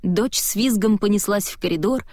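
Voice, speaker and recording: A woman narrating a first-person audiobook in an expressive, steady storytelling voice. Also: mid-range voice, moderate pace, no room sound, studio quality.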